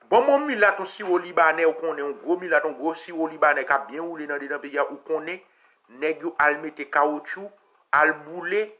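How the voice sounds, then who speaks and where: A man with a Haitian accent giving an impassioned political talk, repeating phrases and sometimes shouting. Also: on the high side. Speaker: commentator.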